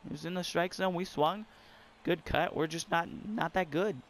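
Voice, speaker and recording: A young man giving casual, excitable commentary while playing a baseball video game and talking to his viewers. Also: fairly high pitch, moderate pace, a little hiss or hum. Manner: excitable, talks to viewers and the screen. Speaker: gamer.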